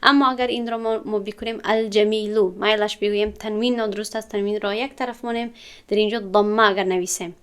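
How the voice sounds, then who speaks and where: Clear-voiced woman teaching a class. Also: medium pitch, fairly even intonation, fairly bright tone. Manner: explains step by step, asks students questions. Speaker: Arabic grammar teacher. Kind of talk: classroom lesson.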